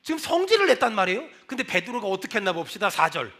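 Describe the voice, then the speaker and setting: A male pastor preaching a sermon in a church, animated, acting out quoted lines and rising into shouted prayers. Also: high voice, rapid-fire. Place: church sanctuary.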